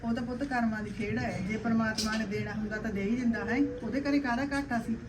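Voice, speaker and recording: A woman's voice: fairly high pitch, fairly even intonation, quick pace, recorded from a distance, background noise, close to an everyday voice. An actress playing a caring Punjabi mother-in-law, talking firmly and soothingly to her daughter-in-law.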